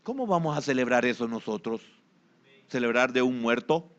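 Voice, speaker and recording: A man with a Salvadoran Spanish accent preaching a sermon as pastor, moving between hushed asides and loud rising exhortation. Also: mid-range voice, normal speed, dull audio.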